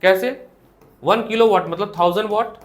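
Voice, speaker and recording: High-voiced Indian man teaching physics. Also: moderate pace. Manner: asks questions and answers them himself. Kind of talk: classroom lecture. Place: classroom with students.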